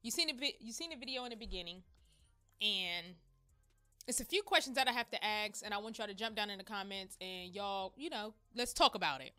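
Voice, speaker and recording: A woman's voice: mid-range voice, animated, a little fast, pushed and bright, faint music behind. A woman hosting a casual gossip commentary vlog, blunt and exclamatory, talking straight to her viewers. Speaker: host of a gossip commentary channel.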